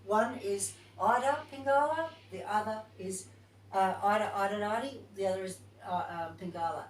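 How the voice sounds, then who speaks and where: This woman speaks in a mid-range voice at a moderate pace, leading a yoga teacher training session where she reads aloud and muses informally to the group. Her chatty class talk was recorded at a distance in an echoey space, with a little hiss or hum.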